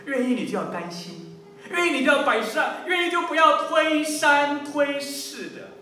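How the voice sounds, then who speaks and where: A man preaching as a pastor, animated, full of rhetorical questions and repetition. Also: very high-pitched, normal speed, distant mic. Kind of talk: sermon. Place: church hall. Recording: very echoey hall, voice off-mic, faint hum.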